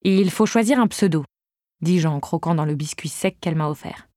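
A woman's voice: low voice, normal speed, mellow, no room sound. A woman narrating a story in the first person with a wry, dry-humored delivery. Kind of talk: audiobook reading.

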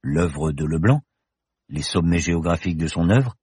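A man reading an audiobook and voicing a calm, measured, somewhat weary older professor. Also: sits low, breathy edge, dry recording, clean studio sound. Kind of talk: audiobook character voice.

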